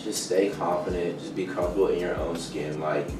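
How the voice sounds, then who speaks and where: A man's voice: sits low, steady tone, brisk. A young man being interviewed, talking in an easygoing, upbeat and encouraging way. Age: young adult. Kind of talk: casual interview. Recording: roomy sound from a distant mic with music.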